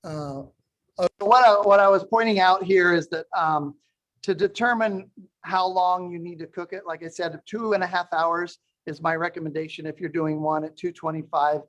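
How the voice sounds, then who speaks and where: A man's voice: high voice, steady tone, normal speed, fairly bright tone, low-quality recording. A man teaching a live online cooking demonstration over a video call, explaining step by step while he works, his audio cutting in and out with uneven volume. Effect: audio cutting in and out, uneven volume over an unstable internet call. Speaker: cooking instructor.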